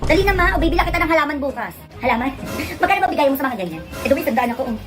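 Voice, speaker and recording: A woman in comic family skits, talking in a quick, scolding, exasperated way. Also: high voice, very animated. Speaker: comedy skit creator. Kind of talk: comic skits playing several family roles. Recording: skit clip with loud music behind.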